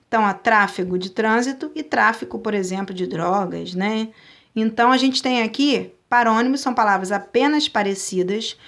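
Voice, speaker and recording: A woman with a Brazilian Portuguese accent, giving an online grammar lesson and explaining step by step, often checking in with her students. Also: fairly high pitch. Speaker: teacher.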